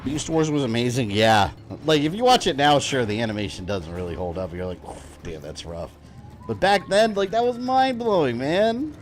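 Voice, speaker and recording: A man's voice: medium pitch, very animated, brisk, few pauses, a little hiss or hum. A man in his thirties chatting casually as a live streamer, fannish and rambling while he plays. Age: 30s.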